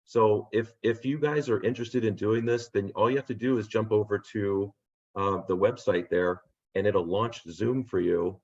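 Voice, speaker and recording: A man hosting a real estate agent training on a video call, upbeat and rambling, losing his voice and clearing his throat. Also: lowish voice, fairly even intonation, normal speed, a little mellow. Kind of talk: casual video call pep talk. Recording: dull lo-fi video call audio.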